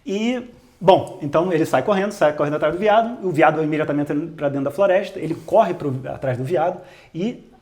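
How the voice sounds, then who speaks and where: A man with a Brazilian accent retells an old tale in a loose, joking way, full of asides and modern comparisons. His voice sits high for a man. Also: brisk, darkish tone. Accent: Brazilian Portuguese. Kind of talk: casual comic retelling.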